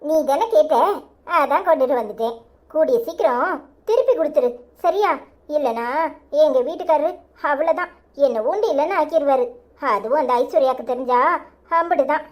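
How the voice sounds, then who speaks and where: A woman's voice: high-pitched, animated, normal speed, a little mellow. A woman voicing a trusting young wife in a cartoon, with a Tirunelveli Tamil accent and an earnest, sharply scolding manner. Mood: worried. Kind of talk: cartoon voice acting.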